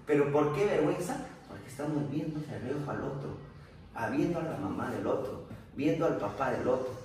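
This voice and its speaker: A man's voice: mid-range voice, expressive, brisk, a little mellow. A man giving an emphatic motivational talk to a group during a workout, often repeating his questions. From Peru. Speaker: motivational coach. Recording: echoey room, far from mic, faint noise.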